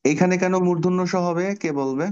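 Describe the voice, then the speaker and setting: Guy teacher walking kids through spelling and pronunciation, slightly high voice, kinda muffled call audio. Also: fairly even intonation, a little fast, a little mellow, smooth. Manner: patient, explains pronunciation step by step, asks questions. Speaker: Bangla teacher. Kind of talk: online class lesson.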